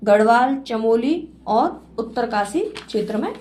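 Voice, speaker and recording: A woman teaching a Hindi literature class, reading out long lists in a slow, measured way. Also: a little high, animated, darkish tone, slight background noise. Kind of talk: lecture reading out lists of dialects.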